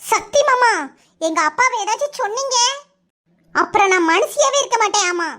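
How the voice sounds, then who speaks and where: Defiant, cutting young cartoon village woman voiced by a woman, very high, southern Tamil Nadu accent. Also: expressive, normal speed, a bit bright.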